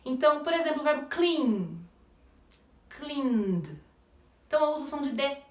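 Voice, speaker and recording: In an echoey room and far from the mic, a woman with a high voice speaks rapid-fire while giving a pronunciation lesson. She teaches English pronunciation in Portuguese, going step by step and frequently checking with the listener.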